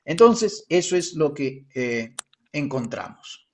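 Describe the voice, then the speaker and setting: A man, a pastor teaching a theology class over a video call, telling stories in a lively way and acting out the voices he quotes. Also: fairly high pitch, takes it slowly.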